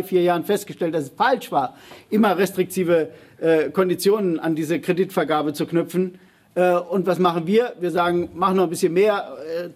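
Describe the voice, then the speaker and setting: Husky, emphatic man in a public debate. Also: high-pitched. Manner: emphatic, hesitant with many fillers and restarts. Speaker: panel speaker answering audience questions.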